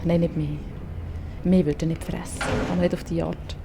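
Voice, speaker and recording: A woman's voice: fairly low pitch, flat delivery, moderate pace, warm tone, slight background noise. Swiss German woman commentating a game. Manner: chatty, swearing, talking to the game character. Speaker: gaming streamer. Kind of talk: let's play commentary.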